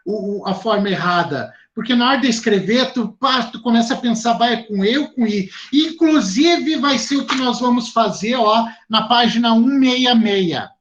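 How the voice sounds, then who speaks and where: A man with a Rio Grande do Sul accent teaching a class, lively and chatty, speaking straight to his students. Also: very high voice, moderate pace, few pauses, lo-fi sound, a little hiss or hum. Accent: southern Brazilian, Rio Grande do Sul. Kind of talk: online class talk to students.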